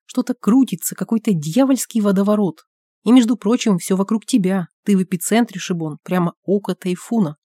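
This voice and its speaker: A man's voice: sits high, dry recording, clean studio sound. A woman voicing an agitated, talkative man who keeps pressing his friend with questions, reading an audiobook. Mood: musing. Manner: excited rapid-fire questioning.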